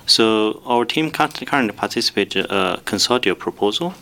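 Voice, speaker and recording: A man answering as an academic guest in a radio studio interview, speaking in a halting, careful way. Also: fairly low pitch, expressive, sharp tone.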